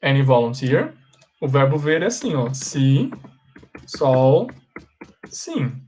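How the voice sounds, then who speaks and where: A man with a Brazilian accent, teaching a live class as an English teacher. He repeats examples slowly and puts questions to his students. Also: mid-range voice, big pitch swings, warm tone, slight background noise. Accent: Brazilian Portuguese.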